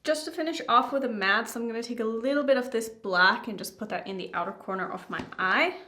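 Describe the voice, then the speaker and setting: A woman's voice: a little high, brisk, bright, forceful tone, slight background noise. Youngish woman doing a chatty makeup vlog, kinda rambly and open, room sounds echoey. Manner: candid, rambling. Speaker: beauty YouTuber. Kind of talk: casual chatty makeup vlog, talking to viewers. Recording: roomy indoor echo.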